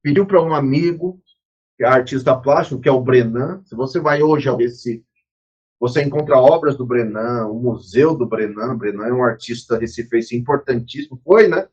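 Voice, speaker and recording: A man's voice: medium pitch, normal speed, darkish tone, breathy edge, lo-fi sound. A man, teaching a recorded lecture in a spontaneous, explanatory way with frequent restarts and asides.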